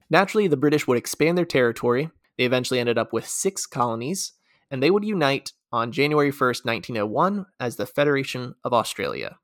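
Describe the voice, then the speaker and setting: An American man co-hosting a casual talk show, leading the segments with lively, fact-filled explanation. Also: medium pitch, no room sound, clean studio sound. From United States. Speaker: podcast co-host.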